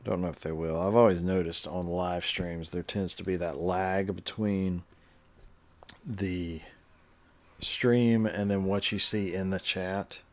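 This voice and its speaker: A man's voice: low voice, steady tone, slow pace. A man casually chatting on a livestream while stitching, explaining his steps and answering the chat. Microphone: webcam livestream setup.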